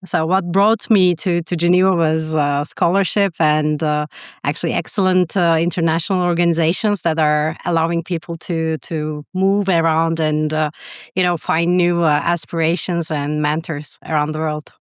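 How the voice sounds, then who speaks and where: Woman in her thirties, podcast guest; smooth, lowish voice, halting delivery with many fillers. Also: fairly even intonation, no echo, studio quality. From Turkey. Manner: hesitant, many fillers and restarts. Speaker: guest, prosthodontist and university faculty member. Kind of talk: podcast interview answers.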